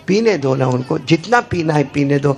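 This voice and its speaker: A male preacher voicing a gentle, kindly prophet in a soft, calm voice. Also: fairly high pitch, creaky, voice pushed down.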